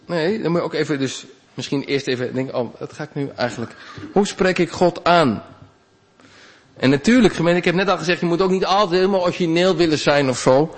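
A male pastor giving a sermon in a conversational, animated way, with big swings in pitch. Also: fairly quick.

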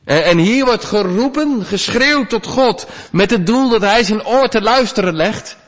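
A man preaching a sermon, earnest, rising to loud pleas and dropping to quiet asides. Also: high-pitched, lively intonation, measured pace. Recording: long church reverb.

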